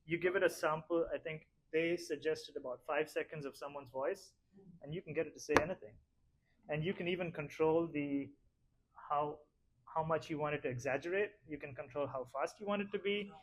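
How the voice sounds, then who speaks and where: A man's voice: a little high, fairly quick. Easygoing man demonstrating an AI tool. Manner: easygoing, explanatory. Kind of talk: live demo explanation.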